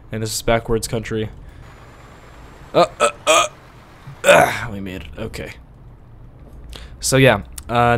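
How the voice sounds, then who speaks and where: A man whose first language is Latvian, rambling through casual gameplay commentary, cursing and bursting out whenever the driving goes wrong. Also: medium pitch. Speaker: gaming video host.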